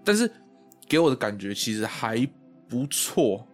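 A man's voice: mid-range voice, sing-song, measured pace, faint music behind. A man co-hosting a podcast, rambling and hesitant in casual chat, with the odd swear word. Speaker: podcast co-host.

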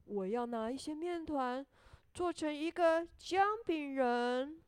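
A cheerful grandmother voiced by a woman who is eager to bake with the kids. Her voice is warm, high and slow, read close to the mic. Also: no echo.

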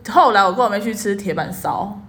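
A young woman, co-hosting a casual podcast in a quick, chatty way and often laughing along. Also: mid-range voice, expressive, a bit bright. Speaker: podcast co-host. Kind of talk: casual chat.

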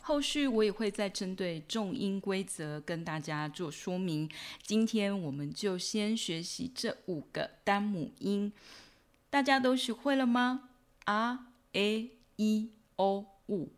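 A woman hosting a podcast language lesson, patiently repeating each sound slowly so listeners can follow. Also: medium pitch, expressive. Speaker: Spanish teacher and podcast host.

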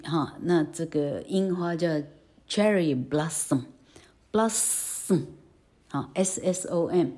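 A woman's voice: low voice, warm tone. A woman teaching English pronunciation, often ending phrases with a tag "ha" and carefully modeling the sounds. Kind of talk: online pronunciation lesson.

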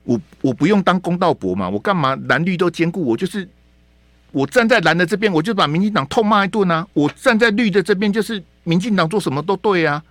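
一位带台湾口音的男电台主持人，语气激动地评论时事，常连声反问、重复字句。. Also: male voice, high voice, lively intonation, fast, a bit bright, no room sound. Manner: heated, rhetorical questions, repeats words. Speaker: radio talk show host. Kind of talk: opinionated political commentary. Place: radio studio.

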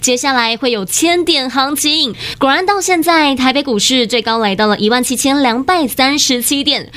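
A woman with a Taiwanese accent hosting in an infomercial style, pitching emphatically with gushing, repetitive salesmanship. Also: fairly bright tone. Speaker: TV show host and pitchwoman.

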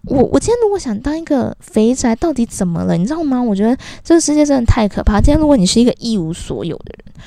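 A podcast host with a Taiwanese Mandarin accent vents in a casual, ranting monologue, slipping into different voices to quote people. Her fairly high voice is sing-song, creaky, and mellow, and she talks fast. There is no room sound.

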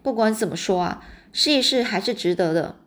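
A woman's voice: mid-range voice, lively intonation, brisk, close to an everyday voice. A woman reading aloud and voicing a kindly, teasing old grandfather in a storybook.

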